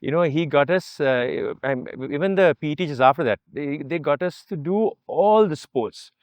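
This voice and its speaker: A man reminiscing about his school days in a casual chat, halting often with fillers and restarts. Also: fairly high pitch, animated. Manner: hesitant, many fillers and restarts. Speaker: alumnus guest.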